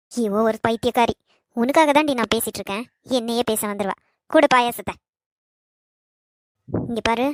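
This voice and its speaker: A bossy, scornful older mother-in-law, voiced by a woman for an animated family story. Her voice sits a little high and is recorded dry and close, with a Kanyakumari Tamil accent as she scolds and sneers. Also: no echo, lightly acted. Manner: scolding, contemptuous. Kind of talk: animated family drama voice acting.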